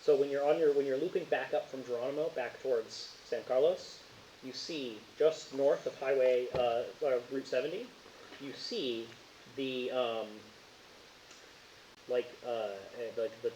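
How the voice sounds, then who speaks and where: A man's voice: mid-range voice, a little slow, darkish tone. Rambling man running a tabletop game. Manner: rambling, laughs often, many fillers. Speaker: game master. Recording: echoey, muffled, faint hiss.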